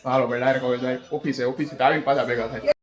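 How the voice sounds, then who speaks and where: A man's voice: mid-range voice, steady tone, rapid-fire, slight background noise, poor audio. A young man, chatting casually and teasing his family in a home vlog. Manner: playful, teasing banter. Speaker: family vlogger.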